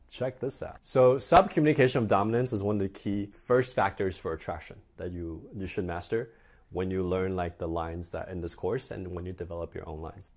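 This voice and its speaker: A man's voice: deep voice, darkish tone. A man teaching a dating course lesson in a conversational way, acting out example dialogues. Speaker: dating coach.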